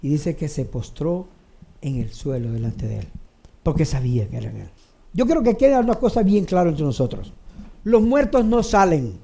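A preacher giving a sermon to a congregation, addressing them directly, repeating phrases for emphasis and swinging between raised emphatic lines and low quiet asides. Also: expressive, normal speed, creaky.

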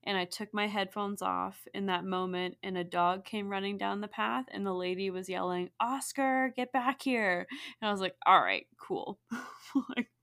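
A woman's voice: mid-range voice, level tone, moderate pace, creaky, a bit bright. A woman guest in a casual podcast conversation, talking reflectively and loosely, with many fillers and frequent laughs.

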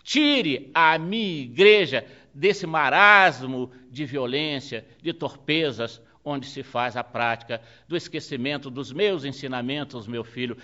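A man's voice: medium pitch, a little slow, few pauses, bright, forceful tone, lo-fi sound. A man voicing Jesus, solemn and tender. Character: the Lord Jesus, male, calling gently.

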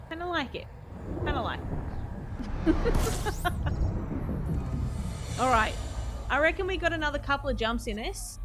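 A woman's voice: high voice, very noisy. A woman casually chatting while live-streaming a game, laughing often and answering her chat. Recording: music playing behind the voice.

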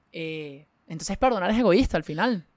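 A woman's voice: fairly low pitch, lively intonation, unhurried, a little mellow, no echo, studio quality. A woman in a casual chat, asking questions and joking.

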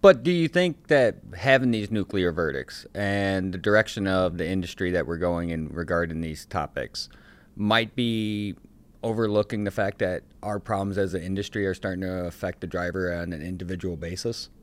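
A man's voice: deep voice, normal speed. A man co-hosting a podcast interview, speaking in an earnest, appreciative way. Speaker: podcast co-host.

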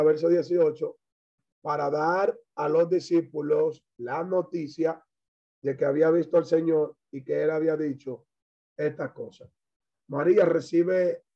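Guy preaching slow, mellow kinda dark voice, dull lo-fi sound. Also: a little high. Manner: slow, measured preaching with scripture quotes. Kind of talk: sermon, Bible exposition.

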